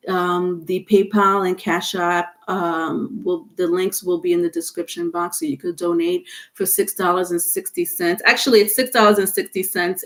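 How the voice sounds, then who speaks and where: A woman with a stuffy nose hosts a casual live tarot stream, chatting with viewers and using plenty of fillers. She has no separate microphone, just the device mic, and her voice is medium in pitch with a fairly bright tone.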